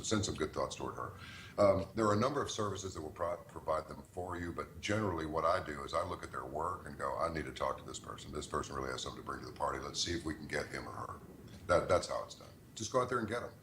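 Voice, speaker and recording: A middle-aged radio host with a very deep voice tells folksy stories and advice, jumping into other voices to act out callers. He sounds like he's in an echoey room, with a faint hiss behind him. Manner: folksy, animated storyteller who acts out callers. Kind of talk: conversational advice in an online Q&A.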